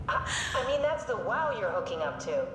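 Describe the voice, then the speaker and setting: A blunt, impatient woman companion in a video game, as an actress plays her. Her pitch moves a lot as she speaks. The sound is echoey and reverberant. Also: big pitch swings, normal speed, lightly acted. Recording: echoey game audio with crowd noise.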